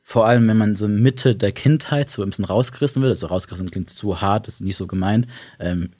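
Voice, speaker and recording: A young man who grew up in Germany and Italy, talking about his life in a reflective, halting way with many restarts. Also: lowish voice, warm tone. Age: young adult. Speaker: interview guest. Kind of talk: casual personal talk.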